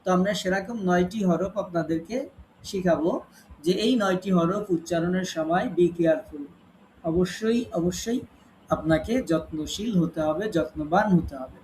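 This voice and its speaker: A man teaching an online tajweed class, patiently explaining rules and slowly reciting Arabic examples. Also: high-pitched, a little hiss or hum. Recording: echoey room with faint ambience.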